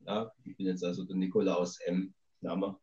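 A man's voice: low voice, flat delivery, normal speed, mellow. A male author speaking over a remote satellite call line, talking in a rambling, thoughtful way with many hesitations. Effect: remote satellite call line, dull lo-fi sound. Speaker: author being interviewed. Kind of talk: remote podcast interview.

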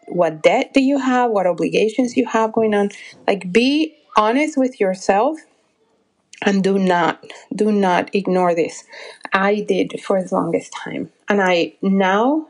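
A woman in her forties giving a motivational solo talk as a business coach and podcast host, earnest and encouraging, often pausing and restarting as she searches for words. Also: mid-range voice. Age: 40s.

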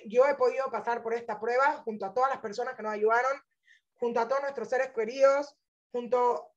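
A woman's voice: high-pitched, lo-fi sound. A woman religious teacher telling her personal testimony in an inspirational talk, earnest and emphatic, speaking straight to her listeners.

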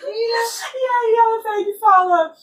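A woman's voice: very high voice, slow pace. A woman, animatedly retelling a book in casual chat, laughing often. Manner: animated, laughing, many fillers. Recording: roomy, distant mic.

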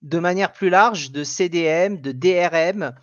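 A man's voice: a little high, a little slow, fairly bright tone, dry recording, lo-fi sound. A man hosting a casual tech podcast, explaining news with many fillers and restarts. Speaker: podcast host.

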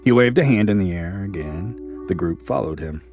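A man with a very deep voice narrates a scripted horror story. His delivery is measured and ominous. Faint music plays underneath. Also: expressive.

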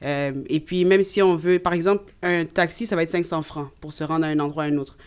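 A woman, a guest in a casual interview, telling lively anecdotes. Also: low voice, a little fast, clear, resonant tone. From Canada. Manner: animated, tells anecdotes.

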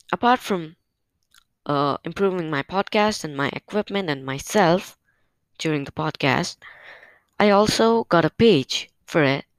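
In a relaxed solo update for their podcast, the host talks into a new microphone on a stand at home, sounding slightly nervous, halting, and full of fillers. Their pitch is medium, and there's no room sound.

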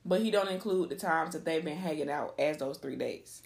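A woman co-hosting a podcast in casual chat, animated and slangy, often repeating herself. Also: sits low, a little fast, gravelly. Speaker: podcast co-host.

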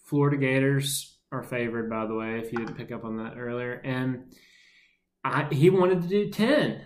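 A man's voice: mid-range voice, moderate pace, slight background noise. Chatty sports podcast man, roomy sound. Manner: loose, chatty, laughs easily. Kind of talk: casual sports talk. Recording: roomy echo.

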